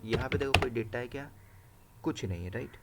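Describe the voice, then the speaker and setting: A man with a gravelly, creaky voice teaches a live class at his computer, walking through each step and checking in with "right?" as he goes. Steady keyboard clicks and clear background noise run under his voice in this home recording. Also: medium pitch, fairly quick. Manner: explains step by step, tags lines with "right?" and "okay". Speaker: instructor. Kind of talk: live screen-share coding class.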